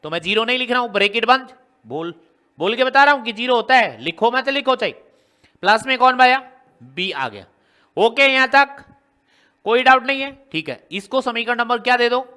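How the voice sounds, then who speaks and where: A man's voice: very high voice, expressive, moderate pace, bright, forceful tone, smooth. A man teaching a maths lesson, working through a problem step by step and asking his students question after question. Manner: explains step by step, often quizzing students with rhetorical questions.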